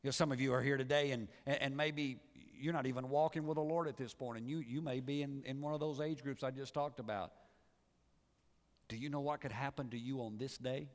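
A pastor preaching a sermon, swinging from loud rising calls to low, quiet endings. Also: male voice, fairly even intonation, brisk. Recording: church sermon with long reverb.

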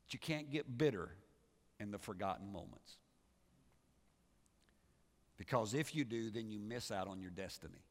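A pastor preaching a sermon, swinging from loud rising calls to low, quiet endings. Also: male voice, expressive, normal speed, long pauses. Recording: church sermon with long reverb.

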